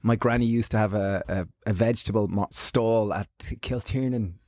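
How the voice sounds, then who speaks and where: A man in his forties with an Irish accent, a guest telling stories in a casual, animated conversation. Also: lowish voice. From Ireland. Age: 40s. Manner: animated storytelling with quick asides. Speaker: guest, business co-founder.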